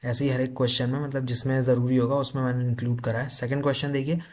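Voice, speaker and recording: A man teaching literature for an exam, explaining in Hindi with terms and reading notes slowly. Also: medium pitch, flat delivery, a little mellow. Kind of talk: exam-prep lecture.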